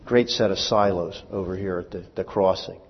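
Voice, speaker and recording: A man's voice: sits low, steady tone, moderate pace, husky. A man preaching a sermon in a conversational way, asking the congregation rhetorical questions and lifting his voice when he quotes scripture. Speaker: pastor. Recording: dull lo-fi audio with long hall reverb.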